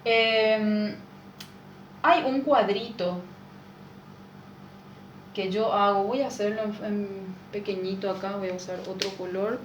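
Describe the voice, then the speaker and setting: A woman's voice: mid-range voice, slow, pauses often, lo-fi sound. A woman, a music teacher patiently explaining a lesson and checking in with rhetorical questions. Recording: echoey room with faint noise.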